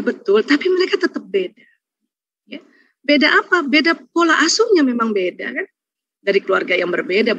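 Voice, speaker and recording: A woman giving a lively religious talk, acting out little scenes and laughing often. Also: medium pitch, slightly rough, no room sound. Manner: lively, acts out quoted voices, laughs often. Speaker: speaker at an Islamic study program. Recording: dull, dry lo-fi sound.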